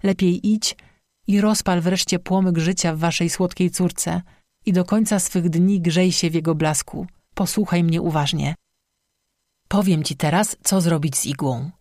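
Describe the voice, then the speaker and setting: A narrator voicing a stern, gentle old woman shaman who speaks calmly and gravely, in audiobook dialogue. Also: on the low side, a little slow, no room sound, clean studio sound, lightly acted. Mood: stern, sad. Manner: calm, grave, motherly admonishing.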